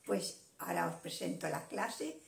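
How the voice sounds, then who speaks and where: An older woman teaching a casual video lesson at home, patient, repeating words slowly and adding little tag questions. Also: fairly low pitch, lively intonation, gravelly, reverberant. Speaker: language teacher. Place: indoor room at home.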